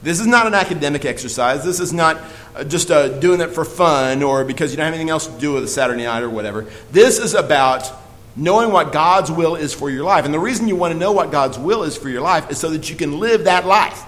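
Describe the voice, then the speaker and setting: A man's voice: fairly high pitch, lively intonation, quick pace, fairly bright tone, rough recording. A man teaching a Bible study, earnest and emphatic, with frequent fillers and restarts.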